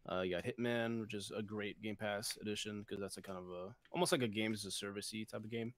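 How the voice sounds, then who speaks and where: A man's voice: lowish voice, fairly even intonation, quick pace. A man co-hosting a casual gaming podcast, easygoing, running down the week's topics with fillers. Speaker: podcast co-host.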